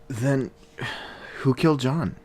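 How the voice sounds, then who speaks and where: With a warm, medium-pitched voice close to his everyday one, a man portrays an earnest, weary podcast investigator telling a true-crime story. He narrates reflectively and deliberately with dramatic pauses, and a slight hiss or hum is audible.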